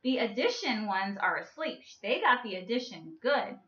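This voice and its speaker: A woman's voice: on the high side, lively intonation, bright, forceful tone. Playful woman teaching kids math. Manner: playful, drawn-out, coaxing. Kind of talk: children's math lesson with a story. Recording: echoey room with a muffled sound.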